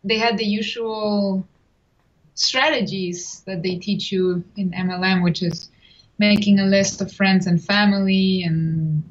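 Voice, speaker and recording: A woman's voice: fairly low pitch, muffled recording. Chatty woman. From Chile. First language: Spanish. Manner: chatty, with frequent restarts and small laughs. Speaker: guest. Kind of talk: casual interview.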